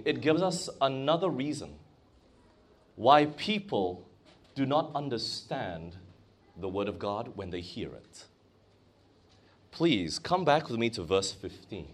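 A man's voice: mid-range voice, slightly rough. A man preaching a sermon in a church or conference hall, asking the congregation questions as he goes.

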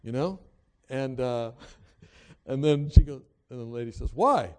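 A man preaching a sermon, telling stories and acting out the people in them, swinging between loud emphasis and quiet, hushed moments. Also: mid-range voice, steady tone, measured pace, smooth. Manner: acts out quoted people in dialogue. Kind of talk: sermon with storytelling.

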